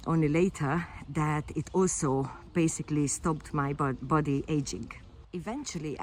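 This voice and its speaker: A Hungarian fitness coach speaks to camera in a casual personal vlog, her voice sitting low. It's unscripted, with frequent fillers and restarts, and there's slight background noise.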